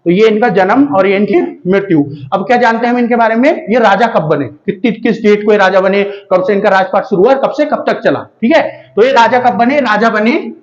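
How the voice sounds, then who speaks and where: A man's voice: sits high, a little fast, hardly any pauses. A man teaching a casual history lesson for exam students, asking himself questions and answering them, checking in with listeners often. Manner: rhetorical questions answered himself, frequent checks like "theek hai". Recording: dull lo-fi recording.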